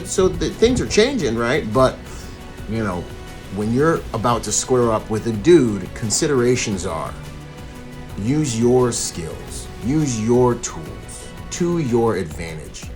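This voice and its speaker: A man giving casual, slangy video commentary and analysis as a protection professional, repeating points for emphasis. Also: lowish voice. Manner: slangy, informal, emphatic repetition.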